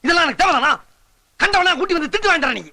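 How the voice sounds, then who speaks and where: An actor playing a wisecracking male sidekick kidnapper who argues back in quick comic banter. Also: very high-pitched, animated, sharp tone, heavily acted. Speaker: film character. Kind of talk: Tamil film comedy acting.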